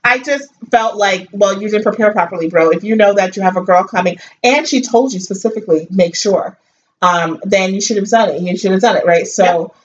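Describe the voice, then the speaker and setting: A woman with a New York accent talks fairly quickly in a mid-range voice as a co-host in a casual chat about a reality show. She is blunt, animated and swears freely. The recording sounds distant and dull, with a faint hiss.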